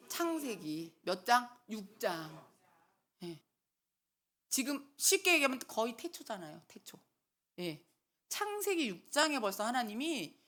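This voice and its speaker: A middle-aged woman preaching a sermon in a church, talking back and forth with the congregation and acting out quotes. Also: medium pitch. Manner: animated, talks with the congregation and acts out quotes. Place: church hall.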